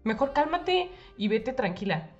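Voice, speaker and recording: Young Mexican woman, high-voiced, animated storyteller, casual podcast chat. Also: measured pace, lo-fi sound, soft background music. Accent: Mexican Spanish. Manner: animated storytelling with slang and English mixed in.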